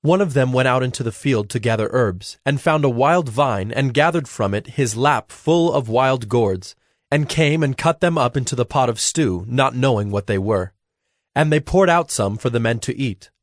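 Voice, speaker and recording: A man narrating scripture in a measured, even reading voice. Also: mid-range voice, no room sound, studio quality. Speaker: scripture reader.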